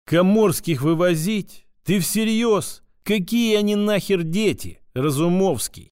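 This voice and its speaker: A man's voice: high voice, expressive, slow pace, darkish tone, clean tone, no echo, studio quality, voice pushed up. A man voicing a fierce, foul-mouthed blonde woman commander who snarls and swears in exasperation. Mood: angry, bitter.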